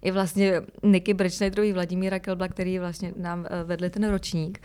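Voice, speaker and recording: Herečka vypráví v rozhovoru pro podcast, upovídaně, s častým váháním a smíchem, nahráváno v pražském klubu. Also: female voice, lowish voice, little pitch movement, a little mellow, clean tone. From Czech Republic. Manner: chatty, hesitant fillers, laughs often. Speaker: actress, podcast guest. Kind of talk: casual interview chat. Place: Prague music club.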